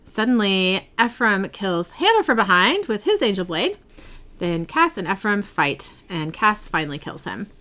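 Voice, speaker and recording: A woman's voice: medium pitch, sing-song, normal speed, pushed and bright. A woman hosting a podcast, casually recapping a TV episode in a chatty, giggly storytelling way.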